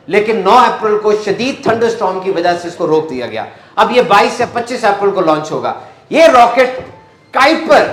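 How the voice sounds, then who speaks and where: High-voiced man lecturing in an echoey hall. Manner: animated, quizzes the audience playfully. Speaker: motivational speaker. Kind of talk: live motivational talk with audience Q&A. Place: stage at a live event hall.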